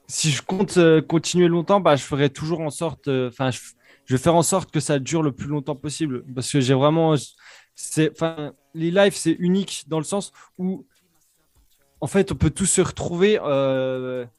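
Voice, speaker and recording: A young man with a Franche-Comté French accent, a DJ chatting casually as a guest, pausing often and restarting his sentences. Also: fairly high pitch, darkish tone, dry recording. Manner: hesitant, many fillers and restarts. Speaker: DJ and Twitch streamer, guest. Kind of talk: casual interview chat.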